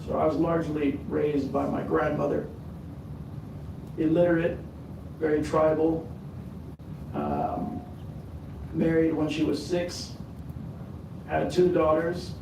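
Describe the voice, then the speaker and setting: 50s guy on a panel, kinda high gravelly voice, far from the mic in a noisy echoey hall. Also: lively intonation, slow, pauses often. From born in the US, raised in California, family from Sudan. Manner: self-deprecating, many fillers and restarts. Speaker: conference panelist. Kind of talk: personal story on a panel. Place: conference hall.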